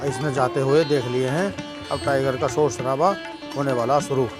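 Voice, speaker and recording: A man's voice: medium pitch, steady tone, normal speed, loud music behind the voice. A man chatting casually at home, narrating his pet dog's antics and talking fondly to the dog.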